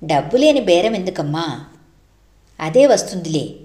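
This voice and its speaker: A woman's voice: lowish voice, sing-song, measured pace, mellow, roomy sound. A woman voicing a loyal young male servant who speaks in a worried, deferential way, in a storybook reading.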